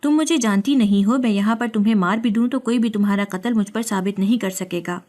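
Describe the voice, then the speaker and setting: A sinister male doctor speaks with cold, mocking menace, as a woman narrator puts him on. His threats come slightly raised in pitch and volume. It suits a dark spoken-word drama. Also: close to an everyday voice. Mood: menacing. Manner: taunting, cold.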